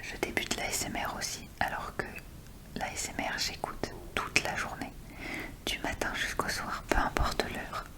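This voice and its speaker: At normal speed, a woman who creates ASMR videos whispers breathily and without voice right by the listener's ear. Her informal show-and-tell chatter remains hushed and intimate.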